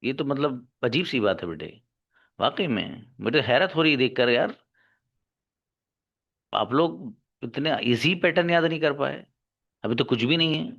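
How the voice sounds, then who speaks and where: A man's voice: mid-range voice, animated, a little slow, creaky, long pauses, fairly bright tone. A male English teacher lecturing his class, scolding and exhorting his students to work hard. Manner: scolding, exhorting, calls students son and daughter. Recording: dull lo-fi recording.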